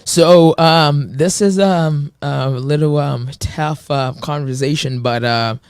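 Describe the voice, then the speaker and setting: A man's voice: fairly high pitch, slow pace, clear, resonant tone, no room sound, studio quality. A man in his twenties from Kenya, a personal trainer speaking earnestly as an interview guest, with lots of filler words. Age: 20s. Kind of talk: casual interview.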